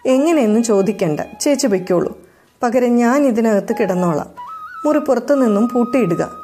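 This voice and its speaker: A woman's voice: on the high side, animated, moderate pace, warm tone, lightly acted. A woman voicing a playful, mischievous little neighbor girl who teases and coaxes in a raised voice. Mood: sly, playful. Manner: teasing, coaxing.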